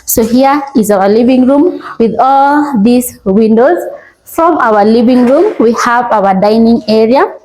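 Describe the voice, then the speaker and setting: A woman with a Kenyan accent presents an informal house tour in a fairly high voice. She speaks approvingly as she shows off one feature after another, in the unscripted style of a property walkthrough. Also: a little mellow, low-quality recording. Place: indoors in an unfinished house.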